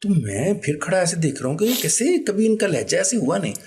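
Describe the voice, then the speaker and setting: A man's voice: high-pitched, sing-song, darkish tone. A man, telling a personal story as an interview guest in a vivid, conversational way. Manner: vivid anecdotal retelling, acts out quoted voices.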